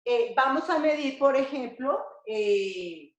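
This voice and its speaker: High-voiced teacher in an echoey room. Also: female voice, animated. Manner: slow, repetitive, checks with "¿cierto?". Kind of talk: remote math lesson for children. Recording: echoey dull home recording.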